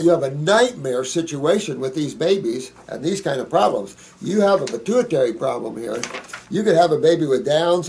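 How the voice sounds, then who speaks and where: A man answering viewer questions in a loose, rambling monologue, folksy and preachy. His voice is gravelly and dark, pitched a little above most men's.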